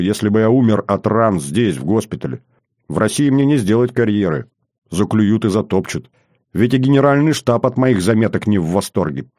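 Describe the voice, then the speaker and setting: A man's voice: on the low side, darkish tone, no echo, clean studio sound. A man voicing a bold, bitter young officer in an audiobook, speaking bluntly and earnestly. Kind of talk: audiobook character reading.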